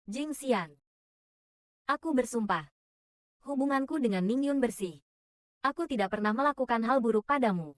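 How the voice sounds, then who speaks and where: Suami tua yang memohon, disuarakan seorang perempuan, pelan dan membela diri, suara kering. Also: female voice, fairly high pitch, animated, normal speed, pauses often, no room sound, clean studio sound, close to an everyday voice. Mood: pleading. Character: older husband, pleading and defensive.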